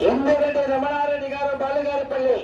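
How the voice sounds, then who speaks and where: At a rural bullock-pulling contest, a male announcer delivers excited, exclamatory live commentary over an outdoor PA, calling out times and cheering competitors on. His voice is very high and fast, heard distant and echoing across the event ground with the highs cut off and a faint crowd behind.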